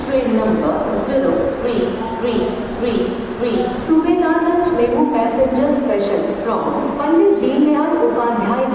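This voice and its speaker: A woman railway announcer, making formal train announcements played over a station loudspeaker. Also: a little high. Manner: formal, measured, repeated set phrases. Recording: echoey loudspeaker from far off, noisy.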